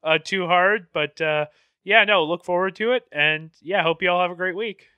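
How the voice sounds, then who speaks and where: A man co-hosting a podcast in casual chat, upbeat and quick to laugh as he signs off the show. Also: high-pitched, smooth, no echo, highs cut off. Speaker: podcast co-host.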